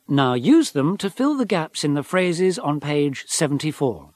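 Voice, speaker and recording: A man narrates the steps of a pronunciation course. His delivery is slow and deliberate, and his voice sits slightly high with a lively rise and fall. The studio sound is dry. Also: no room sound. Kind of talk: scripted instructions for a pronunciation course.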